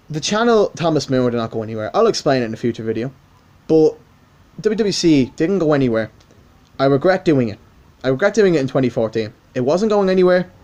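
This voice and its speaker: A man's voice: a little high, darkish tone. A young man talking casually about his channel in a rambling, self-correcting way, with swearing. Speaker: YouTube channel creator. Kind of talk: casual vlog monologue.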